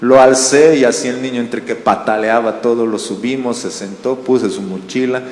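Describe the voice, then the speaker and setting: A man's voice: mid-range voice, moderate pace. A man from Bolivia preaching a sermon as pastor, telling stories and asking the congregation questions. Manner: animated storytelling with questions to the congregation. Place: church hall. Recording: roomy church hall reverb.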